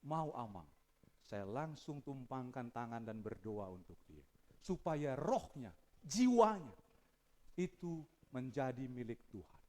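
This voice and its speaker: A male pastor preaching a sermon, shifting from hushed storytelling to loud, fervent appeals. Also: medium pitch, sing-song, measured pace.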